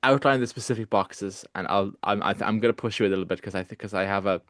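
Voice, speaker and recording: Male podcast co-host, low pitched, quick to argue, lots of restarts. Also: dry recording, clean studio sound. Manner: animated, argumentative, lots of restarts and "like". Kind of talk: casual film-review chat.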